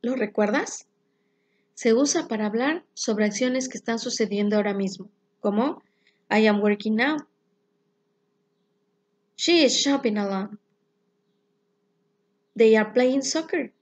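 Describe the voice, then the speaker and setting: A woman teaching an English grammar lesson, explaining rules slowly and clearly and reading example sentences. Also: fairly high pitch. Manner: clear, slow explanations with spelled-out endings.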